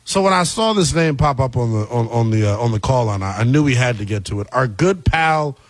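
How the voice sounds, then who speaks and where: A man's voice: medium pitch, lively intonation, a little fast, no echo. A man hosting sports talk radio, colloquial and emphatic, repeating phrases to drive his points home. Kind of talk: sports talk monologue and caller chat. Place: radio studio.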